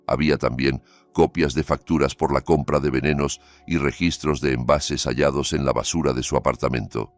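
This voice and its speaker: A man reading a dramatic story aloud as scripted narration, in a steady, grave storytelling manner. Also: a bass voice.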